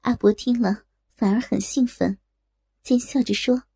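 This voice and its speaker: A woman narrating a first-person audio story, her voice breathy, trembling and pleading. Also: a little high, fairly even intonation, unhurried, mellow, dry recording, clean studio sound.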